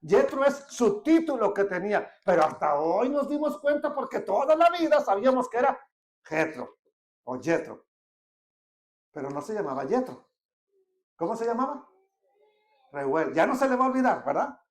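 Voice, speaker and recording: A Bible teacher, leading a verse-by-verse study, asking listeners questions and reading verses aloud slowly. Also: mid-range voice, big pitch swings. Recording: echoey room.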